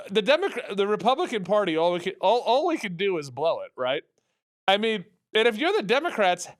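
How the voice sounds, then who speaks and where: Talk host, male, high lively voice, sarcastic rambling rant, dry studio sound. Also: dry recording. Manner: animated, rambling, sarcastic, with many restarts. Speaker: radio talk show host. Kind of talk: opinionated political talk.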